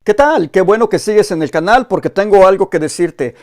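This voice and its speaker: Over soft background music, a man with a high, animated voice hosts a religious testimony channel, speaking briskly. He addresses viewers directly with urgent exhortation and interviews a caller.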